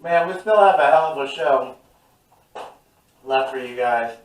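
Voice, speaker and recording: A man's voice: medium pitch, unhurried, reverberant, recorded from a distance, low-quality recording. A man hosting a casual talk show, joking loosely and laughing at himself between segments. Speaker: host.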